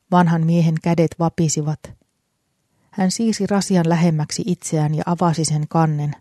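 A narrator reading a story aloud in a calm, even storytelling manner. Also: medium pitch, dry recording, studio quality. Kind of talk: audiobook narration.

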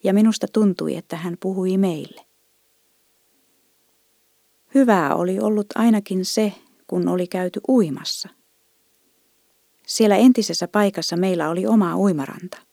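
A woman reading a children's story aloud in a gentle, even storytelling manner. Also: medium pitch, vocal fry, long pauses, no echo, studio quality. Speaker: narrator.

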